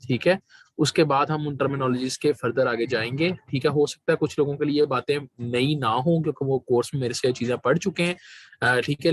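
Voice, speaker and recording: A male instructor leads a live online lesson in a mid-pitched voice that is rough from a sore throat. He talks in an easy, chatty way, clears his throat now and then and keeps checking in with his students. The sound is dry and close, with no room echo. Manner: conversational, keeps checking in with "okay?". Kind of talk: live-streamed lecture.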